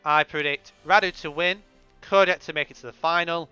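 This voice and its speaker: A video creator makes casual spoken predictions, chatting, hedging his opinions and restarting hesitantly, his voice going as he recovers from illness. His pitch is fairly high, steady, sharp and smooth, at normal speed. The dry recording sounds slightly dull and lo-fi, with faint music.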